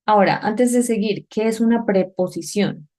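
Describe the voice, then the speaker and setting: A woman teaching an English grammar lesson at a whiteboard, explaining step by step, checking understanding with questions, and saying the English examples slowly and carefully. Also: medium pitch, dark tone.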